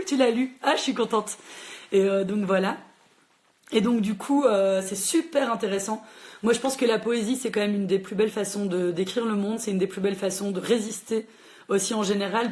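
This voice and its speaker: A quick, chatty woman chats about books on a library's livestream. Her speech pours out in a rush, full of little fillers, in a casual tone that rings out into a phone mic. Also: mid-range voice, a little mellow. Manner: fast-talking, chatty, lots of fillers. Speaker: librarian hosting a book chat. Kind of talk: casual livestream book chat.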